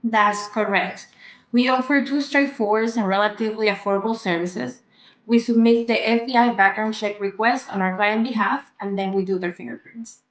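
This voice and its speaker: A woman's voice: fairly high pitch, fairly even intonation, moderate pace, poor audio. A woman, a company co-director, speaking plainly and matter-of-factly. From Panama. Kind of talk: business interview.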